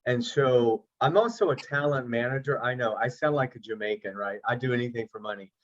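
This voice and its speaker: Over slightly dull, lo-fi video-call audio, a middle-aged actor-producer talks a little fast in a medium-pitched voice. He's at ease as an interview guest and pokes fun at himself.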